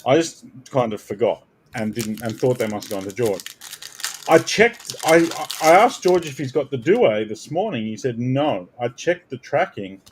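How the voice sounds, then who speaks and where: A man hosting a card break, chatting casually and bursting out loudly as he calls out the cards he pulls. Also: mid-range voice, moderate pace, slight background noise. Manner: animated, bursts out loudly calling card names. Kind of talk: casual live card-opening chat.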